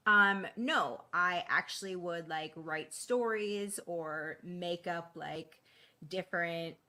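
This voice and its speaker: A woman's voice: fairly low pitch, slow pace, pushed and bright. A woman guest raised in East Boston, talking candidly in a casual interview, with plenty of fillers and laughs. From East Boston, Massachusetts.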